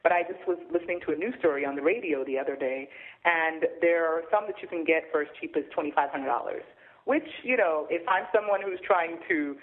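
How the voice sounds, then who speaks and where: A man calling in over a thin, tinny phone line, his voice pitched a little high. He talks casually and hesitantly, filling pauses with plenty of ums and uhs. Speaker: guest commentator. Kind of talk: casual opinion discussion.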